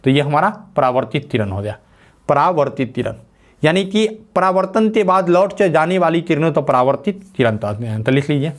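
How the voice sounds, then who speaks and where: Teaching a school physics lesson, a man dictates slowly in a sing-song voice that sits on the high side. He repeats phrases and poses questions to himself, then answers them.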